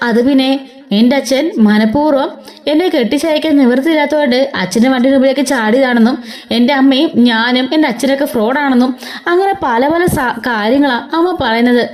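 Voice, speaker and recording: A woman's voice: sits high, fairly quick, a little mellow, natural voice. A woman voicing a hurt young wife who pleads and protests. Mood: upset. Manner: pleading, upset.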